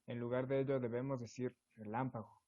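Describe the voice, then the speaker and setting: A man with a dark, mellow voice reads out definitions and examples in an even tone for a school presentation. The sound is dull and lo-fi, at a medium pitch. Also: a little fast. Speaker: student presenter. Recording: dull lo-fi recording.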